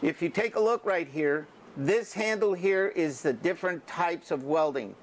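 Older guy teaching welding class, kinda high voice, faint shop noise in the back. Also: normal speed. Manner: folksy, repeats "okay" and checks in with students. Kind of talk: classroom instruction.

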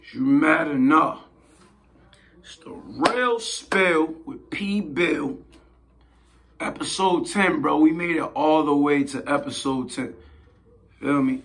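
A hoarse man hosting his own show, giving blunt, slangy casual commentary and often asking "you feel me". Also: on the high side, a bit bright. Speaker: host.

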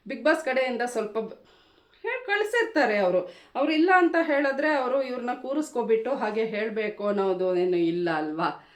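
A woman's voice: on the high side, echoey room. A woman giving casual vlog commentary on a reality show, opinionated and speaking straight to the contestants. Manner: opinionated, addresses contestants directly.

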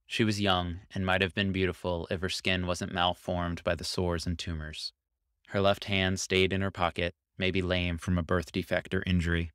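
Deep, smooth-voiced man narrating a story. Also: flat delivery, normal speed, a bit bright, dry recording, clean studio sound. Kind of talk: scripted narration.

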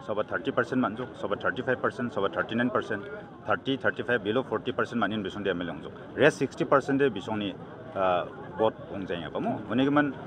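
This middle-aged candidate, who has a Northeast Indian accent, talks in a lowish voice at a quick pace during an argumentative press interview, stressing his points and mixing in English. Reporters hold handheld news microphones close to him at an outdoor evening gathering, where a busy crowd can be heard behind him.

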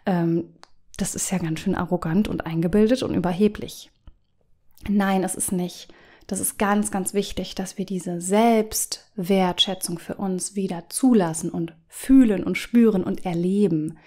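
Gentle guiding woman coach. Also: on the low side, steady tone, measured pace. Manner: gentle, guiding, addresses listener directly. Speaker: business coach and podcast host. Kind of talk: coaching podcast monologue.

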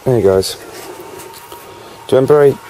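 A British vlogger chats casually on his own channel, rambling and peppering his talk with "you know," sometimes with a cigarette in his mouth. His mid-range voice is mellow and moves at a moderate pace. The audio is poor, with a little hiss or hum.

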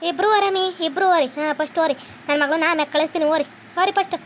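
Woman as a bossy cartoon mother-in-law, North Karnataka Kannada accent, very high pitched, scolding, slight background noise. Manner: scolding, rapid-fire bossy. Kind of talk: cartoon comedy voice acting.

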